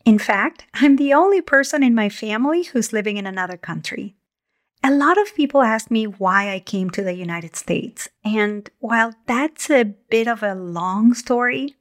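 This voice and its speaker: A woman, hosting her podcast as a communication coach in a calm, measured, gentle way. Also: mid-range voice. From Argentina. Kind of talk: scripted podcast monologue.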